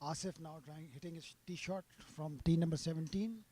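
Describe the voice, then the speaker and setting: A man's voice: fairly high pitch, steady tone, fairly quick, mellow. A man giving live golf commentary, sympathetic toward the players.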